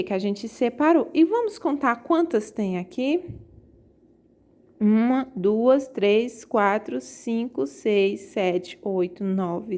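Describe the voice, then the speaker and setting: A woman's voice: mid-range voice, darkish tone. A woman teaching a poetry lesson to her students, explaining step by step and often checking in with them. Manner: explains slowly, checks in with "tá certo?"; reads verses aloud slowly. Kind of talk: remote class lesson.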